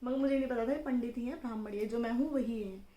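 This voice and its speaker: A young woman casually telling the story of how she met her husband, in a lively conversational way. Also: a little high, fast talker. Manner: chatty, animated, acts out dialogue in quotes. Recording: roomy echo with faint background noise.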